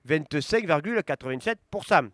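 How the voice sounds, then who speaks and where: A man on local TV, reading out election results live, calling each town name loudly and then listing candidates, votes and percentages, with quick asides to viewers. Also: fairly high pitch, animated, no room sound, studio quality.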